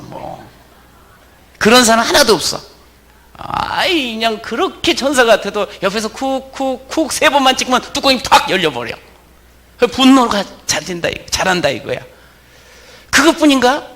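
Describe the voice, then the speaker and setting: Middle-aged male pastor preaching with a bright, animated delivery and emphatic repetition. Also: very high-pitched. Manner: emphatic preaching, repeating key words, asking the congregation questions. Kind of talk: sermon.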